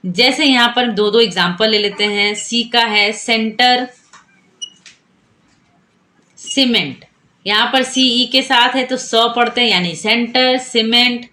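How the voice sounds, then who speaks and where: A woman's voice: a little high, a little slow, pushed and bright. A woman teaching a phonics lesson, patiently explaining and repeating each rule and quizzing the viewer.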